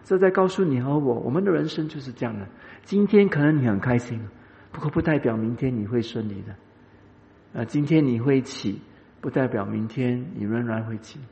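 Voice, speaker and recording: A man giving a sermon as pastor, speaking straight to the congregation and telling a personal story with many drawn-out filler sounds. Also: medium pitch, vocal fry, dark tone. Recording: echoey hall, dull lo-fi sound.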